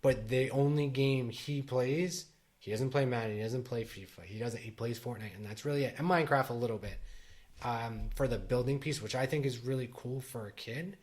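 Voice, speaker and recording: A middle-aged man co-hosting a casual podcast chat. He rambles, circles back and restarts his sentences, and his voice sits at an ordinary pitch for a man. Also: normal speed, a little mellow. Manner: rambling, many restarts and fillers. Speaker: podcast co-host.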